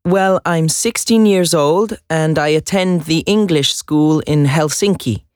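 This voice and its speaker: In this scripted listening dialogue, a Swedish-native actor voices an earnest teenage job applicant of 16. The voice is fairly high and natural at a measured pace, recorded dry and close. The boy is chatty but hesitant, with nervous laughs.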